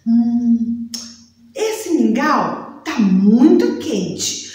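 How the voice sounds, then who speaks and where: A woman's voice: a little high, very animated, very slow, warm tone, exaggerated voice. A woman voicing a curious, greedy little girl who draws out her words with savoring sighs. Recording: echoey room, mic at a distance.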